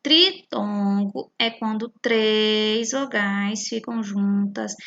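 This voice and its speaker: A Brazilian woman teaching a primary class, patiently explaining a worksheet and slowly sounding out syllables with frequent checks like "right?". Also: mid-range voice, a bit bright, muffled recording. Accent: Brazilian Portuguese.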